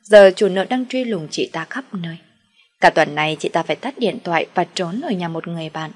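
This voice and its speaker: Husky woman narrating a story. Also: fairly low pitch, lively intonation, brisk. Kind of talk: first-person story narration.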